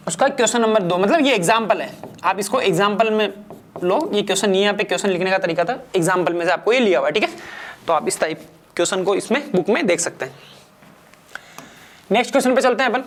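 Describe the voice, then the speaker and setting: A man's voice: sits high, fairly bright tone. Patient man talking through math problems. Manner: explains patiently, asks and answers his own questions; repetitive, casual classroom phrasing. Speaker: exam coaching teacher. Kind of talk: step-by-step math problem walkthrough.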